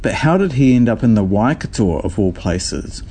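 New Zealand man, mellow low radio host. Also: lively intonation, moderate pace, breathy edge. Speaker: radio show producer and host. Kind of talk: scripted radio introduction.

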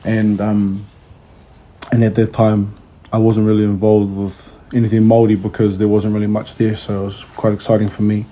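A man's voice: lowish voice, monotone, normal speed, dark tone. A man in his thirties with a New Zealand accent, chatting casually as an interview guest. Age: 30s. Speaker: kapahaka tutor, interview guest. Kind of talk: casual chat.

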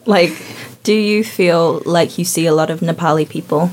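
A young New woman with a lowish voice co-hosts a youth radio chat. She talks in a friendly, easygoing way and keeps the talk moving with questions. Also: moderate pace, darkish tone. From New Zealand. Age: young adult. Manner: friendly, chatty, prompts others with questions. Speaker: co-host.

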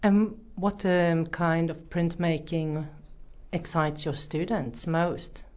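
A woman with a very low voice hosts a casual interview, asking her guests encouraging questions. The sound is muffled and lo-fi. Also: steady tone, takes it slowly, a little mellow. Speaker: interviewer, host. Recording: muffled lo-fi recording.

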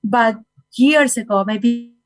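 Her voice a little high and her pace slow, a Colombian guest speaker in her forties earnestly shares a personal talk about well-being, speaking straight to listeners. Her English carries a Colombian Spanish accent and non-native phrasing, and the recording is dry and low-quality.

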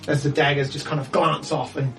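A man with a New Zealand accent who narrates as game master in a quick, rambling way with many restarts. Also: fairly high pitch, level tone, fairly bright tone, far from the mic, soft background music.

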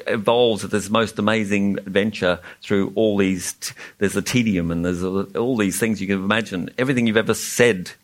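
A man's voice: steady tone, normal speed, few pauses. Jokey New Zealand man reading aloud. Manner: jokey, laughs at the puns, acts out lines in a higher voice. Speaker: children's author at a festival panel. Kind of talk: reading aloud with casual asides.

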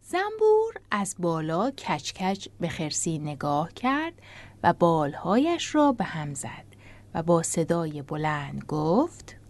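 A woman narrating a children's storybook in a gentle, expressive way. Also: fairly low pitch, dry recording.

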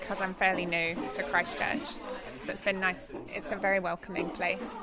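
A woman's voice: medium pitch, little pitch movement, normal speed, over loud music. A woman chatting casually as a workshop participant, friendly and talkative. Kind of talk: casual chat.

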